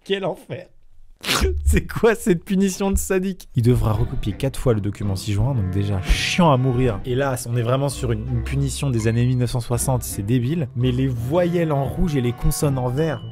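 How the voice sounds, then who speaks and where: A man hosting a comedy video, reading school discipline notes aloud with animated, mock-outraged asides, frequent laughter and swearing. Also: medium pitch, moderate pace, faint music behind. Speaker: YouTuber host.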